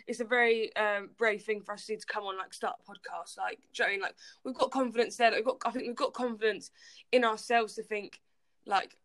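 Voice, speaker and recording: A woman's voice: medium pitch, steady tone, fast talker, fairly bright tone. Blunt, rambling young woman. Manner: rambling, blunt, swears, lots of "like". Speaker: podcast co-host. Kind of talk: casual chat.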